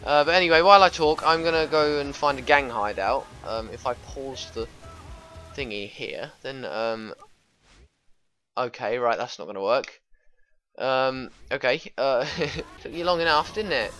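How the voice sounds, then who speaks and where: Rambling gamer man, bright voice. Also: medium pitch, a little slow, soft background music, poor audio. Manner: rambling, stammering, bursts into panicked yelling. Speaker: gaming commentator. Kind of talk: casual gameplay commentary.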